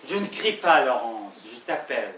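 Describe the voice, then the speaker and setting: An actor playing a suspicious, jealous husband in a stage play, asking slow, pointed, accusing questions. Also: male voice, mid-range voice, big pitch swings, pushed and bright. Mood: tense, accusing. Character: suspicious jealous husband, middle-aged man. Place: theater stage. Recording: roomy, distant stage recording with faint hiss.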